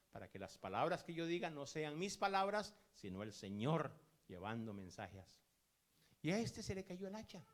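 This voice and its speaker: A male pastor preaching a sermon in a calm storytelling way, acting out the lines of the people in his stories. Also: fairly high pitch.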